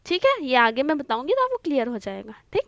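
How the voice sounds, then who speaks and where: A woman's voice: sits high, sing-song, fast talker, creaky, fairly bright tone, no echo. A young woman teaching a Hindi grammar lesson online, patiently repeating points and mixing in English words. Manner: patient, repeats points with frequent "theek hai" checks.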